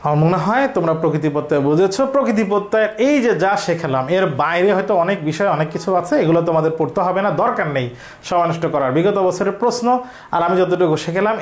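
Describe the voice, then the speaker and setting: High-voiced teacher drilling grammar. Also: male voice. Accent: Bangladeshi. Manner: asks questions and answers them himself; repetitive, drilling. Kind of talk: online grammar lesson.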